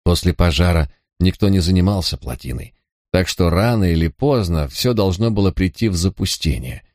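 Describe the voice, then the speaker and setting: A man's voice: deep voice, animated, normal speed, a little mellow, dry recording, clean studio sound. A man voicing a rueful old villager. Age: over 60. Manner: rambling, mournful storytelling.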